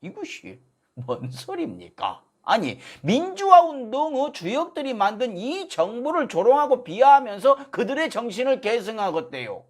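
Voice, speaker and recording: A man's voice: very high-pitched, huge pitch swings, normal speed. A man giving a political commentary monologue, full of sarcastic, mocking rhetorical questions.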